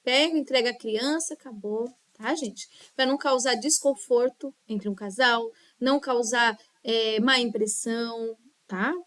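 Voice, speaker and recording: A woman teaching a children's ministry course, explaining in a lively, instructive way and checking in often with her listeners. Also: on the high side, unhurried, no room sound. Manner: animated, gestures a lot while talking. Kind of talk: online course lesson. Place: small children's classroom.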